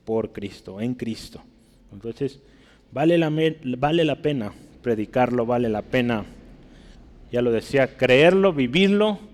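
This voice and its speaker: This preacher, a man with a Mexican Spanish accent and a darkish tone, delivers his sermon in a church hall with long, echoing reverb. When he reads scripture aloud his voice jumps sharply in pitch and loudness, and he often turns to the congregation with "¿verdad?" to seek agreement.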